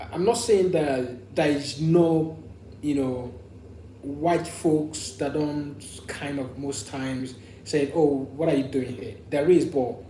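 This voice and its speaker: A man's voice: a little high, warm tone. Man livestreaming casually in an echoey room. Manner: repeats and restates phrases for emphasis. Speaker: livestream host. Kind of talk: casual live chat, sharing personal stories and opinions. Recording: echoey room with faint hum.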